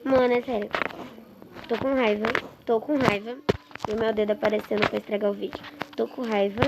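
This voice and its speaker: A woman chatting excitedly and with exasperation to her viewers while commenting on a game she is playing. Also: on the high side, a little fast, dull audio. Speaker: gaming streamer. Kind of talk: casual gameplay commentary. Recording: noisy with clicks.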